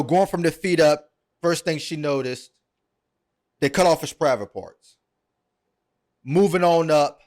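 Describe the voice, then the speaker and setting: A man hosting a podcast, retelling a story at length in a casual, earnest way, with many ums and repeated words. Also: on the high side. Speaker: podcast host.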